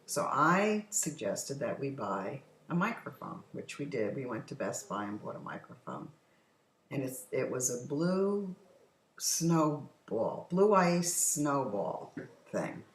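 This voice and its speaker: An older woman hosts a casual chat from her home patio, her very deep voice swinging widely in pitch as she talks slowly. She tells stories in a chatty, talkative way and laughs often. Captured on a computer's built-in microphone, the low-quality audio echoes around the space.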